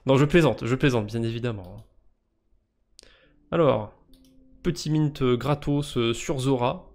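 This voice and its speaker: A man's voice: medium pitch, a little slow, a little mellow. A man with a French accent streaming live, casually commenting on crypto quests, joking and mocking himself as he thinks aloud.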